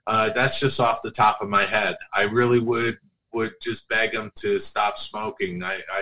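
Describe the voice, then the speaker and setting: A man's voice: lowish voice, pushed and bright, poor audio. A middle-aged man talking as an author being interviewed, rambling with many fillers and restarts. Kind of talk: casual interview chat.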